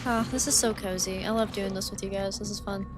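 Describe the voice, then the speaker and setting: Over game music, a woman streams her gameplay in a medium-pitched voice with fairly even intonation, speaking fairly quickly. She's chatty and rambling, leaning heavily on "like" and "um," and long stretches of talking have left her voice sounding dry and tired.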